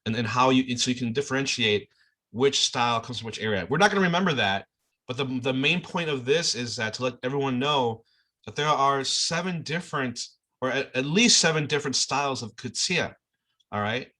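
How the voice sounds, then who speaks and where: With a mid-range, bright, forceful voice and a brisk pace, a man explains a played clip to his online class in a casual way. He restarts often and checks in with "okay?" and "all right?".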